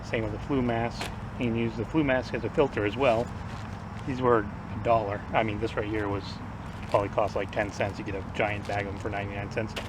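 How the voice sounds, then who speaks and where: A man's voice: on the low side, fairly even intonation, brisk. A man casually rambling through survival gear as a vlogger, offhand, his speech slightly off after having teeth pulled. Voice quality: slightly impaired speech after tooth extraction. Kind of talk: casual product rundown to camera. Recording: distant mic, noisy outdoor ambience.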